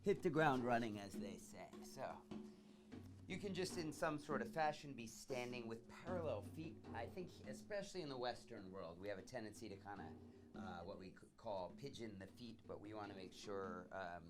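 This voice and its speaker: A man teaching yoga in a TV studio, calmly cueing poses and joking now and then. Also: fairly low pitch, moderate pace, over music. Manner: calm, joking.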